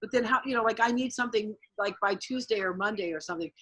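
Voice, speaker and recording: A woman on a video call works her way toward a question, hesitating and circling with plenty of fillers. Her voice is bright and forward but breathy, with an ordinary middle pitch. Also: fast talker, rough recording. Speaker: participant asking a question.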